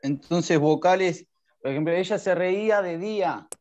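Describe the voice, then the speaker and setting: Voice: mid-range voice, moderate pace, a little mellow. A student answering casually in an online class. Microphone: video call. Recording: muffled online call audio.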